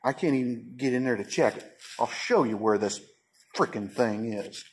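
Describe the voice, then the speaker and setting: A man's voice: mid-range voice, moderate pace. A man, a mechanic talking in a frustrated, plain-spoken way in a casual shop vlog. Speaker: auto mechanic. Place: auto repair shop.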